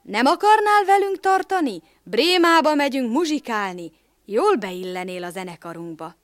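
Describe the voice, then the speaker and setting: A steady old storybook donkey coaxes his friends along in a reassuring voice, as a woman narrator puts him on. He speaks up high and lively. The recording is close and dry. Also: no room sound. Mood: calling. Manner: coaxing, reassuring.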